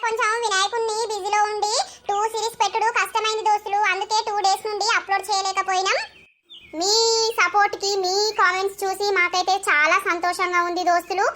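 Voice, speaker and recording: A woman's voice: very high-pitched, little pitch movement, fast talker, pushed and bright. A woman with a Telangana Telugu accent, hosting a cartoon channel with a friendly, chatty intro. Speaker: channel host. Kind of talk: cheerful video intro. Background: music.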